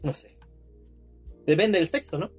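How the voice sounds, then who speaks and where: A man's voice: a little high, animated, unhurried, slightly rough, faint music behind. A young man with a Chilean accent bantering crudely in a casual comedic chat, full of slang. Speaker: podcast co-host.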